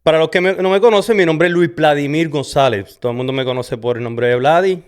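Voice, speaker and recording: A man's voice: on the high side, fast, clear, resonant tone. A middle-aged man with a Puerto Rican accent hosts a podcast and shares his personal testimony in a casual, conversational way, often tagging sentences with "¿verdad?" and slipping in an English "so". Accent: Puerto Rican Spanish. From Puerto Rico. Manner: conversational, frequent "¿verdad?" and Spanglish "so". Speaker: podcast host. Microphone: studio camera setup.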